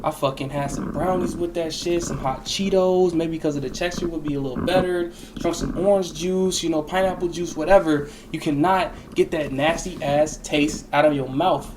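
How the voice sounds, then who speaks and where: A young adult man with a slightly high voice talks in a loose, casual storytime monologue. He rambles, swears freely and leans on slang. There is some noise and clicking behind him. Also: steady tone, normal speed, few pauses. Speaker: storyteller recounting a personal experience.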